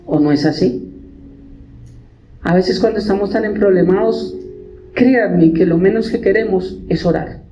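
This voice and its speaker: A male pastor, preaching a sermon with animated delivery and acting out the voices of believers. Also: sits high. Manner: animated, acts out quoted believers. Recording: echoey church with music, dull sound.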